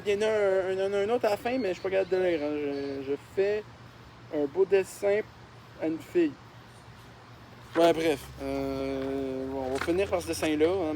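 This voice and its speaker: A young Québécois man with a high-pitched voice riffs on his own childhood drawings in a casual vlog. He mocks himself and swears freely, and there is a faint hum behind him. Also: a little mellow. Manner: mocking, self-deprecating, swears often. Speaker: YouTuber.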